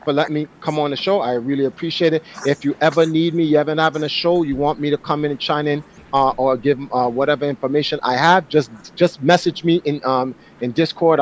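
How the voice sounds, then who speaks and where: Man in his forties, guest on a casual voice-chat panel. Animated, emphatic, frequent restarts. Light background noise. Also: fairly high pitch, rough recording. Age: 40s. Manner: animated, emphatic, repeats words when starting a thought.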